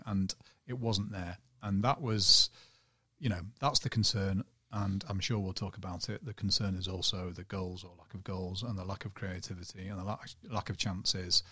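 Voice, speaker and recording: A journalist with a Northern English accent guests on a casual podcast, rambling a little in what he himself calls a flat monotone. His voice is on the low side. The recording is dry and studio quality.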